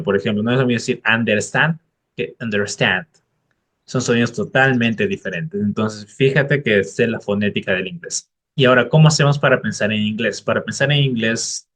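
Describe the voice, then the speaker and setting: A man's voice: lowish voice, a little fast. Man giving upbeat language-learning tips. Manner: direct, encouraging advice to the viewer. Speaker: English tutor. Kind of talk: casual explainer video.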